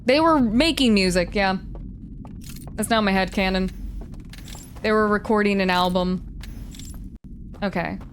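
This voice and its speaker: A woman's voice: medium pitch, a little slow, long pauses, slight background noise. Curious woman narrating her gameplay. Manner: curious, thinking aloud, sometimes hushed. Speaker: let's-play host. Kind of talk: casual gameplay commentary. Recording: faint game music behind.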